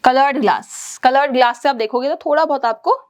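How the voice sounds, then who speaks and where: A woman teacher, giving a lively online lesson to children. She talks straight to the kids and imitates everyday sounds for them. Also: sits high, fairly quick.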